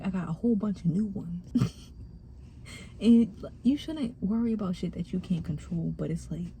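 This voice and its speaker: A young adult woman records a candid vlog in her parked car. Her voice is deep-toned and mellow, with an even middle pitch. She talks in loose, slangy sentences and often lowers her voice to a near whisper. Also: a little hiss or hum. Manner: casual slangy talk with hushed, half-whispered asides. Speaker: vlogger. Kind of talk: candid personal vlog talk.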